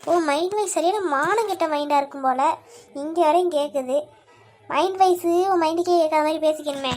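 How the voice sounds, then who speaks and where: A woman voicing a sharp-tongued young woman in a cartoon, teasing and bickering. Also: high voice, a little fast, faint music behind, lightly acted. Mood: mocking.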